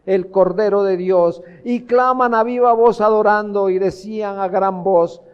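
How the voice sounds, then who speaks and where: High-voiced man preaching a sermon. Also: steady tone, a little slow, clear, resonant tone, muffled recording. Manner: earnest preaching, rhetorical questions to the congregation. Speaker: pastor.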